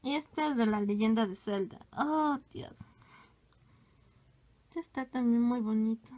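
A woman chats casually through a stack of her old sketches. She gushes and exclaims, teasing herself along the way. Her voice sits a little high. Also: moderate pace, mellow. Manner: gushing, exclamatory, self-teasing. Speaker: vlogger showing her old drawings. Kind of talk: casual show-and-tell.

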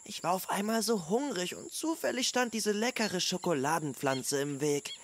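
A woman's voice: lowish voice, lively intonation, normal speed, a little hiss or hum. A woman voicing a greedy little boy dinosaur in a children's story, whiny and eager as he eats. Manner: whiny and eager, talks with mouth full.

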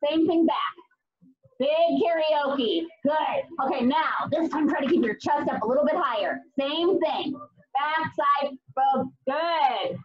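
A woman's voice: sits high, takes it slowly, dull audio. A woman speaking as an aerobics instructor for kids, calling out drills and counts in short, encouraging commands. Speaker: kids' fitness instructor.

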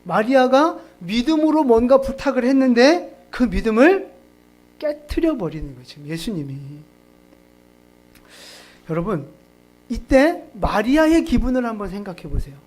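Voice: medium pitch, very animated, moderate pace, pauses often, a little mellow. A pastor preaching a sermon at a church service in a conversational, joking way, often laughing and putting questions to the congregation.

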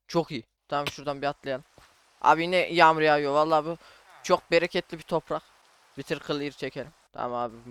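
A man's voice: a little high, fairly bright tone, clear, resonant tone, dry recording. Chatty young man narrating his gameplay. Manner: chatty, talks to himself while playing, says "abi" and "arkadaşlar" often. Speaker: gaming YouTuber. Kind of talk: casual Minecraft let's play commentary.

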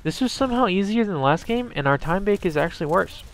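A man's voice: high-pitched, lively intonation, quick pace. A man giving wry, sarcastic running commentary on his own gameplay, swearing freely.

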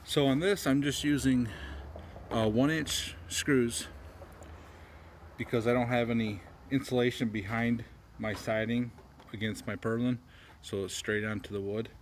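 A man's voice: mid-range voice, steady tone, a little slow, long pauses, a little hiss or hum. A middle-aged man in a pole barn workshop, plainly explaining how he puts up steel siding, step by step, with small restarts. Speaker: homestead video host. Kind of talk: casual how-to narration.

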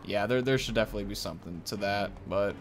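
Talking fast in a fairly low-pitched voice, a young adult man hosts laid-back video game commentary. He sits at a desk indoors, and the clear recording carries game sounds in the background.

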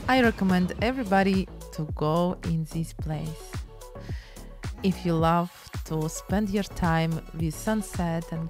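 Her voice fairly low and a little mellow, a woman in her thirties with a Ukrainian accent vlogs about travel and painting in chatty broken English. She shoots on a phone held at arm's length, outdoors on a beach and inside an art studio.

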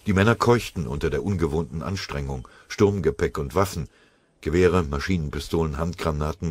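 Deep, husky male audiobook narrator. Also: a little mellow. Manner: grave, measured. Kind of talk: scripted war story narration.

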